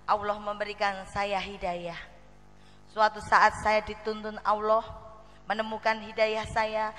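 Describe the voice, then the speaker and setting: Woman preacher with a Javanese accent and a fairly high voice. Lively storyteller who acts out her scenes. Reverberant hall. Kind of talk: storytelling sermon to a female audience.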